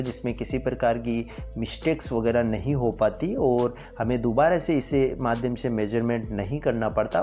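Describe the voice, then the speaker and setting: A product reviewer with a dark-toned, mid-range male voice narrates a meandering review of woodworking tools. His explanations are full of filler, and he repeats himself often.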